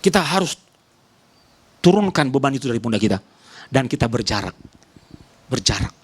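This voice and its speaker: This male pastor from Nias, Indonesia, preaches an emphatic sermon, shifting between loud, raised calls and quiet, low asides. He repeats short phrases and addresses the congregation directly. His pitch swings widely, his pace is moderate, and his voice has a breathy edge.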